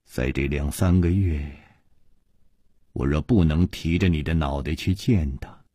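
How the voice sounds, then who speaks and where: Brief: grave, hushed, despairing poisoned character, voiced by a male storyteller, low and slow. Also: steady tone, slightly rough, no room sound, clean studio sound, exaggerated voice. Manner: low, slow, half-whispered.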